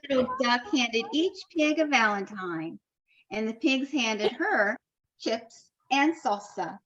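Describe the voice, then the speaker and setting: A woman teacher reading a picture book aloud to young children, with expressive storytelling and friendly asides. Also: fairly high pitch, slow, lo-fi sound.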